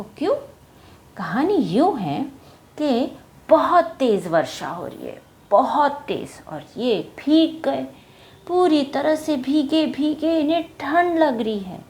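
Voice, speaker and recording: A woman telling a story to children in an animated way, often asking her young listeners questions. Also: sits high.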